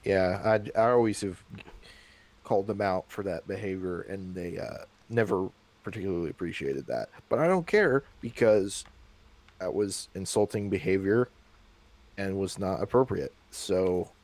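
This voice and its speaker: A man's voice: sits low, unhurried, darkish tone. A man in a casual podcast chat, rambling and acting out what others said to him. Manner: rambling, quotes others in put-on voices. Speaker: podcast guest.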